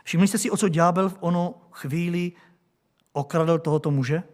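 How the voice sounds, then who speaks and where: A man's voice: fairly high pitch, a little mellow. A male preacher delivering a sermon, questioning his congregation with rhetorical questions.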